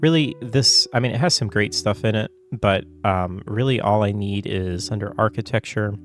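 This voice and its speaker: A man getting over a cold, coughing now and then, talking through a casual software tutorial in a loose, chatty way full of fillers and self-corrections. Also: lowish voice, normal speed, faint music behind. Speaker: tutorial host.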